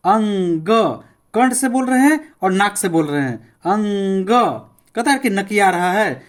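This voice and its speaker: A male teacher leads a classroom grammar lesson, slowly and carefully enunciating sounds one at a time as demonstrations and repeating them. He keeps urging listeners to pay attention and try them aloud, in a high, animated voice.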